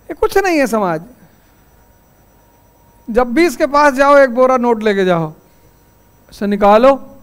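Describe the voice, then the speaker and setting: High-voiced male teacher. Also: slow pace, long pauses, smooth. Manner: storytelling, lively and anecdotal; stern about class rules. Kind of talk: classroom lecture with stories. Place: classroom.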